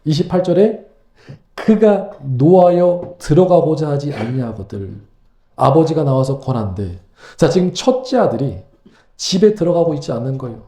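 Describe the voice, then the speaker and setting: A man preaching a sermon as pastor, animated and full of rhetorical questions. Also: on the high side, moderate pace, echoey room. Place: church sanctuary.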